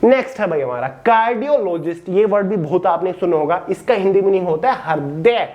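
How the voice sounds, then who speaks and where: A man teaching an online vocabulary lesson in Hindi, reading English definitions slowly and calling his listeners friends. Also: high-pitched, lively intonation, lo-fi sound. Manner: addresses listeners as friends and brother. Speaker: exam-prep teacher.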